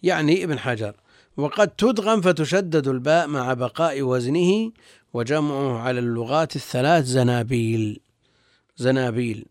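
A man's voice: mid-range voice, moderate pace, no echo, studio quality. A male religious scholar reading and explaining texts in formal classical Arabic, repeating phrases as he goes. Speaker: religious scholar, guest teacher.

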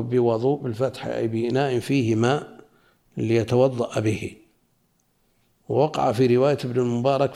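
A man teaching a lesson, slowly reading a classical religious commentary aloud and explaining it in plain spoken asides. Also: medium pitch, vocal fry, mellow.

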